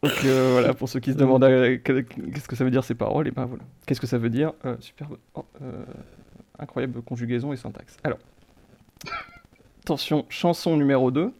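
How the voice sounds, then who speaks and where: A man hosting a casual quiz game among friends, chatty and repeating his rules, reading translated lyrics in a flat voice. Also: mid-range voice, fairly quick, gravelly. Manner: chatty, repeats himself, reads lyrics flatly. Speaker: quiz host.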